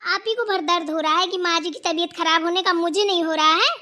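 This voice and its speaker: Lady doing a mouthy young daughter-in-law, super high bright voice, taunts everyone, cartoon. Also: brisk. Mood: taunting. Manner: taunting, sharp-tongued. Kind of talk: cartoon voice acting.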